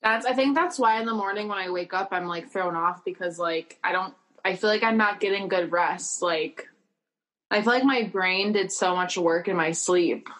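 A woman co-hosting a podcast, chatting casually, agreeing quickly and laughing easily. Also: mid-range voice, a bit bright. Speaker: podcast co-host. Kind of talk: casual chat.

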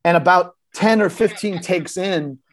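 A man's voice: high-pitched, a little slow. A man, an actor guest on a podcast, telling a vivid behind-the-scenes anecdote in a casual, blunt way and acting out the dialogue he quotes. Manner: vivid anecdote-teller who acts out quoted dialogue in shifting voices; casual and blunt, with occasional swearing. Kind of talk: storytelling in a podcast interview.

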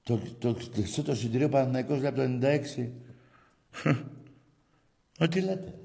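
A man in a profane, mocking rant at a rival football club's fans, swinging between loud shouts and low jeers. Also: creaky. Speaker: football fan ranting. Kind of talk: profane monologue. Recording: roomy echo.

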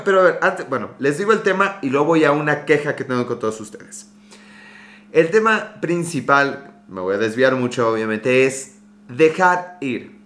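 A man with a Mexican Spanish accent hosts a casual livestream, his voice medium in pitch and fairly bright, a little sore in the throat. He chats, jokes, wanders off topic, and greets viewers by name, all in an echoey room.

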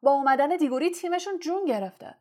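In a storybook reading, a woman with a natural, slightly high voice plays a stern, intense teenage boy who is team captain. He speaks urgently, clipped and insistent, with a fierce mood.

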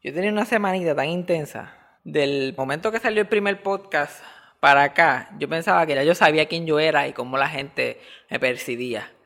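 A young man, a comedian hosting a casual podcast from his apartment, telling stories with a lively manner and slipping English words into his talk. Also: a little high, gravelly.

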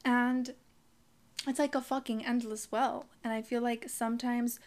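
A young woman with a slightly high voice talks earnestly in a casual, heartfelt way. She swears freely and keeps the tone of a friend giving advice. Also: level tone, a little slow. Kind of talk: casual motivational talk.

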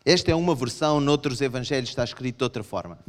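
A man with a European Portuguese accent preaching a sermon to a congregation, animated and acting out his listeners' objections. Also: racing. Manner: animated, acts out voices of the congregation in raised pitch. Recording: long hall reverb.

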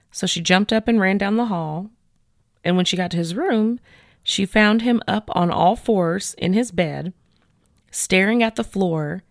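Woman, podcast host, lowish pitch, dry close sound, chatty storytelling. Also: no room sound. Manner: chatty, animated, many "like" fillers. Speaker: podcast host retelling a case. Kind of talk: casual storytelling chat.

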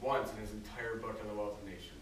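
Man in a class discussion, rapid talker, a distance from the mic in an echoey room. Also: fairly low pitch, little pitch movement. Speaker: student. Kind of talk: casual classroom chat.

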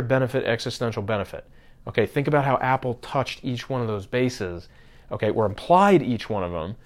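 Chatty male podcast host, talking marketing. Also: medium pitch. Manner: conversational, many fillers and restarts, addresses listeners directly. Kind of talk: casual marketing talk.

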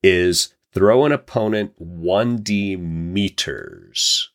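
A man co-hosting a podcast about tabletop games, with a lowish voice. He talks casually and drops quick jokey asides. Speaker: podcast co-host. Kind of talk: casual chat.

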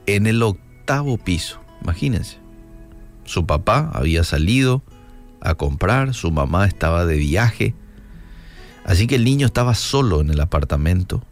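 A man narrates a devotional story at a very slow, deliberate pace, with a lower voice and lively rises and falls in pitch. He talks straight to his listeners, dramatic and measured, as faint guitar music plays underneath. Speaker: devotional radio speaker.

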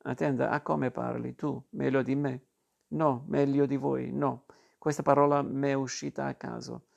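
Superstitious serious woman read by a man, gravelly flat delivery, storybook reading. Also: medium pitch, measured pace, lo-fi sound. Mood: earnest. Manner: grave, insistent reasoning. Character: earnest superstitious woman of the household.

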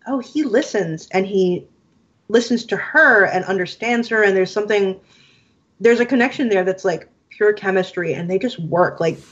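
A woman in casual podcast chat about a film, animated and laughing, acting out quotes with casual swearing. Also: mid-range voice. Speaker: podcast co-host. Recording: muffled lo-fi sound.

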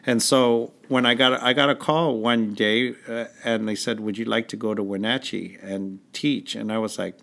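A man's voice: fairly low pitch, fairly even intonation, moderate pace, vocal fry, few pauses, a bit bright. A man from California, a music teacher, talking enthusiastically in a casual conversation and often restarting his sentences.

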